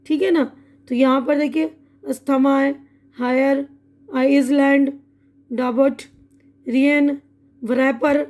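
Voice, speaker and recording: A woman with an Urdu accent giving an online English lesson, reading words slowly and patiently, each with its translation. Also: high voice, darkish tone. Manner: slow, patient word-by-word drilling with translations. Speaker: English teacher.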